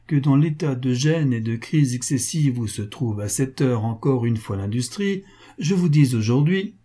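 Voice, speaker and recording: A man's voice: mid-range voice, mellow. A man voicing a cynical wealthy male financier who coaxes with false affection and cold insistence. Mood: menacing. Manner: wheedling, mock-jovial, coldly insistent.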